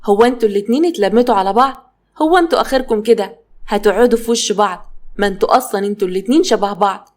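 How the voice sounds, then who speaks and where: A woman's voice: mid-range voice, very fast, natural voice. A woman with an Egyptian Arabic accent voicing a mocking older mother who belittles her daughter. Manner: sneering, belittling.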